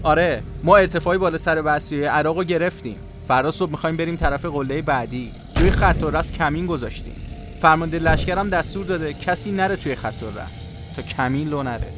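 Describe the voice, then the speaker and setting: An actor playing a cheerful, easygoing young soldier who jokes and reassures. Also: male voice, a little high, music in the background, close to an everyday voice. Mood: matter-of-fact. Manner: breezy, joking, reassuring.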